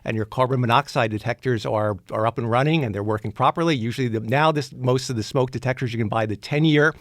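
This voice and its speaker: A man's voice: mid-range voice, fast talker, fairly bright tone, no room sound. A man co-hosting a radio show, giving practical home maintenance advice in a casual way, often restarting his sentences. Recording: dry studio sound.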